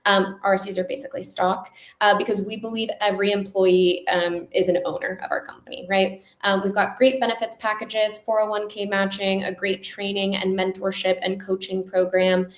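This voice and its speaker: A woman giving an upbeat, salesy recruiting pitch with slides, speaking conversationally and often checking in with listeners. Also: level tone, moderate pace. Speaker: company recruiter. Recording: echoey room sound.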